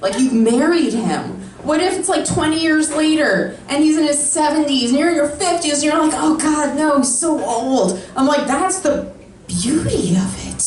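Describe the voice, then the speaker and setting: Recorded from far off with a little hiss or hum, this high-pitched woman in her thirties performs sarcastic, brash stand-up. The comedy club room echoes, and the live crowd's laughter runs underneath.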